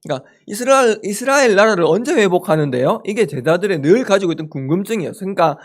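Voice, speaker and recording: Man preaching at a campus chapel, lively high voice, playful, acts out the disciples. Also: fast talker. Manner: jokes with the audience. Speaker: campus ministry speaker. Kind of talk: chapel sermon. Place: chapel room with a live audience.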